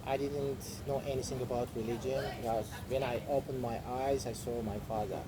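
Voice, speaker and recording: A man with an Azerbaijani accent talking as a podcast guest, halting and repeating words for emphasis in a conversational way. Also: medium pitch, fairly even intonation, a loud crowd, rough recording. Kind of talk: conversational interview storytelling. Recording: clear background vehicle-like noise.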